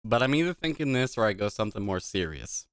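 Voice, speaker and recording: A man's voice: on the low side, sing-song, fast talker, dry recording, studio quality. A tipsy man, a gaming streamer, chatting casually on a live stream into a desk microphone, rambling, swearing casually and laughing at himself.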